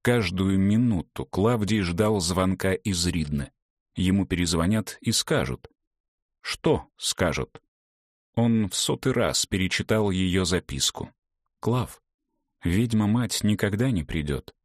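Male audiobook narrator, lowish voice, measured dramatic delivery, dry studio sound. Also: no echo. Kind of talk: scripted narration.

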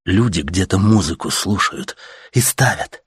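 A man's voice: low voice, lively intonation, a little slow, breathy edge, no room sound, studio quality. A man narrating an audiobook in terse, clipped sentences.

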